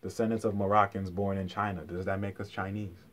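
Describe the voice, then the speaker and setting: In a low-pitched, slightly bright voice with a level tone, a man lectures informally and a little fast. He speaks colloquially, hammering key phrases through repetition and asking rhetorical questions.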